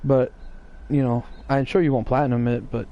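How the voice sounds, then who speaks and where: Guy live streaming, rambly teasing chat, husky fry in his voice, kinda muffled sound. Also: mid-range voice, fairly even intonation, moderate pace, dark tone. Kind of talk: casual live-stream chat answering viewers.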